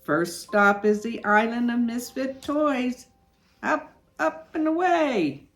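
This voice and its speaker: A woman voicing a jolly, kindly Santa Claus from a storybook, exclamatory and drawn-out. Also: fairly high pitch, a bit bright, pitched above the performer's own voice. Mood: delighted, commanding. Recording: music behind the voice.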